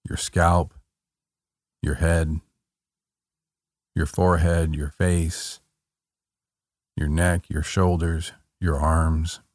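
A man guiding a body-scan relaxation in a calm, meditative tone, gently giving short soothing instructions. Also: low voice, very slow, pauses often, no echo. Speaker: meditation guide.

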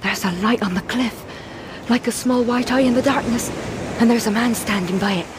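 A woman's voice: a little high, normal speed, background noise, lightly acted. A woman playing a frightened, resolute young woman. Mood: anxious. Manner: breathless, urgent inner narration. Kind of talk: radio drama acting.

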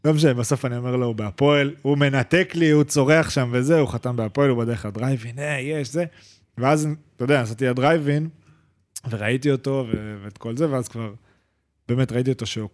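A young man co-hosting a laid-back podcast. He tells his story in rushed, animated bursts and keeps restarting his sentences, with plenty of slang. His voice sits at an ordinary middle pitch. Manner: rapid, animated retelling full of restarts and slang. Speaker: podcast co-host. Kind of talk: casual chat, storytelling.

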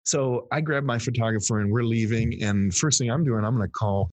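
A man in his fifties, a guest on an interview show, telling animated stories and often repeating the first words of a phrase. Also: medium pitch, brisk, dry recording. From Texas, US. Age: 50s. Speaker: guest, PR firm founder. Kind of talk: storytelling interview chat.

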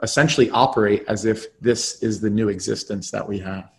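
A man's voice: on the low side, fairly even intonation, fairly quick, gravelly. A man hosting an interview, upbeat and full of praise, rephrasing the guest's points. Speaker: podcast host.

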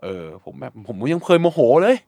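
A man in a casual podcast chat, blunt and animated, swearing lightly and acting out his own reactions. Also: a little fast, no echo, clean studio sound. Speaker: guest food reviewer.

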